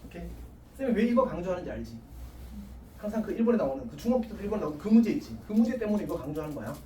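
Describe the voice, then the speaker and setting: A male high school math teacher giving a casual classroom lecture, chatty and self-mocking, always checking with the class. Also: sing-song, racing, mellow. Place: classroom with students. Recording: echoey classroom, distant mic, faint hiss.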